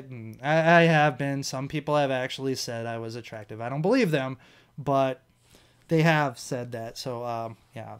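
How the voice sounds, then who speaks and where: Reading quiz questions out loud on his vlog, a young Midwestern American man rambles casually, cursing, fixing his own mistakes, and laughing at them. His voice is smooth and pitched on the high side.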